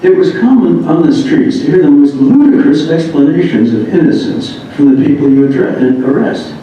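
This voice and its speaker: An American man with a fairly high, mellow voice reads another writer's memoir aloud, sounding animated and amused as he moves through humorous first-person anecdotes at a normal speed. He's in an echoey indoor room, captured by a distant mic that makes the sound dull, with faint noise underneath.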